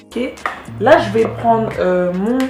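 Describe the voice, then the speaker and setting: A woman's voice: fairly high pitch, takes it slowly, a little mellow, echoey room, soft background music. Chatty woman doing her makeup. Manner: chatty, many fillers, talks while doing makeup. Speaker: beauty vlogger. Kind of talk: casual get-ready-with-me makeup narration.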